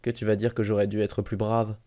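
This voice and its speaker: A man's voice: on the low side, little pitch movement, fairly quick, mellow, no echo, close to an everyday voice. A man voicing a shy, hurt eleven-year-old schoolboy who speaks in a small, trembling voice. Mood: timid.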